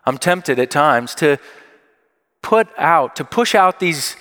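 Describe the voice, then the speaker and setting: A man's voice: a little high, animated, slow pace, sharp tone. Man preaching in a reverberant church. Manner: conversational, emphatic, repeats key phrases. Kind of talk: sermon. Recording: long hall reverb.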